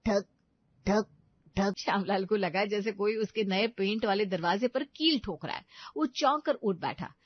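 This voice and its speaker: Expressive woman storyteller, dry sound. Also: medium pitch, unhurried, no room sound, highs cut off. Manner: lively and expressive. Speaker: narrator. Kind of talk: storybook narration.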